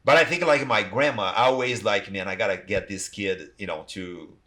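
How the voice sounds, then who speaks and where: Man, Brazilian accent, low voice, loose rambling talk full of fillers, podcast guest. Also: moderate pace, pushed and bright. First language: Portuguese. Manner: rambling, many "you know, like" fillers. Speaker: guest, athletic trainer. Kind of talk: casual podcast interview.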